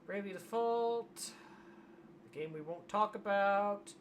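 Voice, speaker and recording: A hoarse streamer in casual livestream commentary, wry and grumbling, reading aloud from a web page. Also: medium pitch, a little slow, slight background noise. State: losing voice, hoarse.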